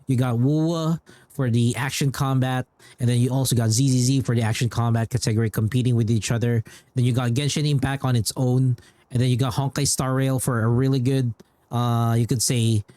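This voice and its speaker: With a darkish, mid-range voice and no echo, this man chats casually during a game livestream, his informal commentary full of repeated phrases.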